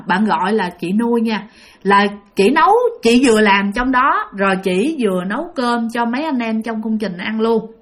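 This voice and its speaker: A storyteller host with a Southern Vietnamese accent spins a ghost story in a relaxed, chatty way, frequently turning to address her audience. Her voice is a little high and fairly bright.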